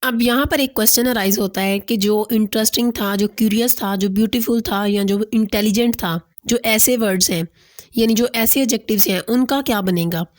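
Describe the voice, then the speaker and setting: A woman's voice: fairly high pitch, a little fast. A woman teaching English grammar in a voice-over lesson, explaining step by step and repeating each point, with English terms mixed into her sentences.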